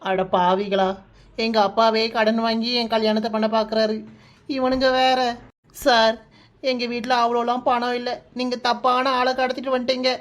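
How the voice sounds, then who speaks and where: A woman's voice: fairly high pitch, level tone, normal speed, lightly acted. A woman voicing a brash young bride-to-be in a cartoon, with a Kanyakumari Tamil accent, hurling insults and wailing for help. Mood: scolding panicky. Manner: scolding, wailing, full of insults. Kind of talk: cartoon voice acting.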